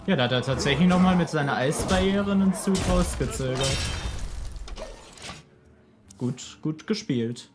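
A man's voice: on the high side, animated, a little slow, long pauses, background noise. A young man chatting casually with a friend as he plays a game, in a blunt, slangy way. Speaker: let's play gamer. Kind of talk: casual gameplay chat with a friend. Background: game music.

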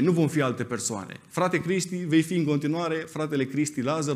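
A man delivering a sermon as a pastor in a church, his voice pitched a little higher than most men's. He preaches with emphasis and speaks straight to the congregation, calling on members of the church by name. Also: darkish tone.

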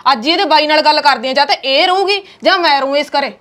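A woman playing a fast, sarcastic sister-in-law. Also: sits high, fairly bright tone. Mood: scolding. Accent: Punjabi. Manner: scolding, sarcastic. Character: sharp-tongued sister-in-law defending her home. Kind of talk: Punjabi web-series acting.

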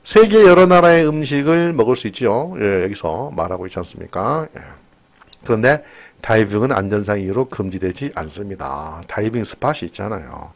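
A man's voice: on the low side, animated, normal speed. An older man giving a chatty exam-prep English lesson, drifting into personal asides. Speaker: English teacher.

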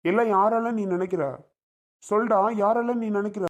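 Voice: medium pitch, fairly even intonation, normal speed, natural voice. A performer playing an angry middle-aged father who scolds his son-in-law and worries about his daughter in a family drama skit. He speaks in a blaming, raised voice.

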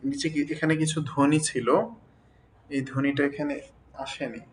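A man's voice: mid-range voice, fairly even intonation, moderate pace, a little hiss or hum, low-quality recording. A man teaching a lesson on jaw exercises and pronunciation drills, chatting with listeners and checking they follow. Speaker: teacher of standard Bengali pronunciation.

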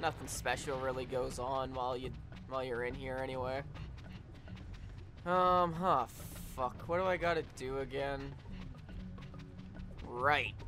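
A young man giving casual, profane gameplay commentary, getting excitable and swearing often as he plays. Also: mid-range voice, unhurried, pauses often. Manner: excitable, swears a lot, yells at the game. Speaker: let's play gamer.

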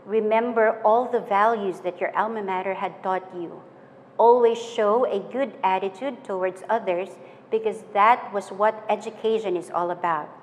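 Young woman, commencement speaker, earnest and measured, lapel mic in a reverberant room. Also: mid-range voice. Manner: measured, earnest, list-like delivery. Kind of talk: formal graduation speech. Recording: hall reverb with faint noise.

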